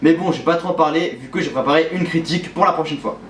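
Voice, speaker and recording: Guy doing his top films of the year, kinda high voice, echoey room, some hiss behind. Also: fast. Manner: chatty, says "hein" and "du coup" often. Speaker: film reviewer. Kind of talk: casual film ranking video. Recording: roomy echo, far from the mic, faint background noise.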